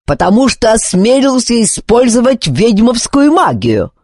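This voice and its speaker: A woman's voice: lowish voice, wildly swooping pitch, moderate pace, mellow, slightly rough, no room sound, studio quality, full character voice. A woman doing a sneering jailer commander. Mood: shouting. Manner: taunting, sneering. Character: mocking stern male commander jailer.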